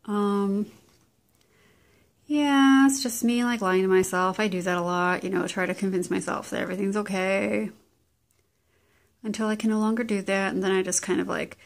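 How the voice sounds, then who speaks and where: A woman rambling casually into a camera at home, meandering and self-deprecating with many pauses and ums. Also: mid-range voice, fairly even intonation, gravelly. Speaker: vlogger. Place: at home indoors.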